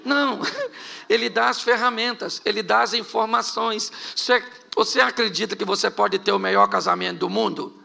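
A middle-aged Brazilian pastor preaches in a high, heavily gravelly voice. His tone is sharply bright and forceful. He fires off rhetorical questions and mixes in joking asides. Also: fairly even intonation, moderate pace, slight background noise. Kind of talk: sermon.

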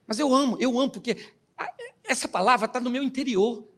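A man's voice: very high voice, brisk, a bit bright. A man, a pastor giving a comic storytelling sermon, joking, chuckling at his own jokes and acting out the scenes.

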